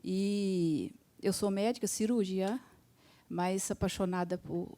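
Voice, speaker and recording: A woman's voice: medium pitch, steady tone, slow pace, dark tone. A woman in her fifties from Minas Gerais, a surgeon and literature student, earnestly asking a critical question from the audience. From Minas Gerais, Brazil. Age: 50s.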